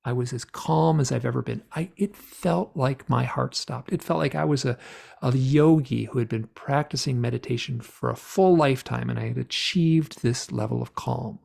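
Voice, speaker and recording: Middle-aged male guest, gravelly, mid-pitched, rambling animated storyteller. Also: normal speed. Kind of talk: storytelling interview.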